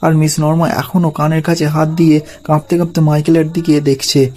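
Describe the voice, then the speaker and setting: A male narrator recapping a comic story. His voice is fairly high but mellow in tone, and it hardly moves in pitch. The reading is steady and plain. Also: fairly quick. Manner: flat, even read-aloud delivery.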